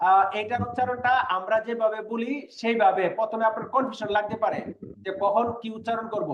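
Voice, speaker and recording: High-voiced man teaching, echoey. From Bangladesh. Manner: patient, repeats words slowly for students. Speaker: Korean language teacher. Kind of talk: online class lecture. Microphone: online class call audio. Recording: echoey, muffled, noisy online class audio.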